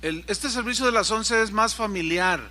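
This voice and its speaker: High, bright-voiced man preaching. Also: moderate pace. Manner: storytelling preacher who acts out the dialogue. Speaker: pastor. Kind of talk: sermon. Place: church service.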